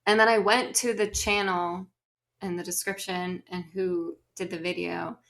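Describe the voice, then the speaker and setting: A woman co-hosting a casual podcast, with a creaky, gravelly texture to her voice. She talks in an animated, exasperated way. Her delivery is dry and sardonic. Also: on the low side, a little slow. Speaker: podcast co-host. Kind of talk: casual chat.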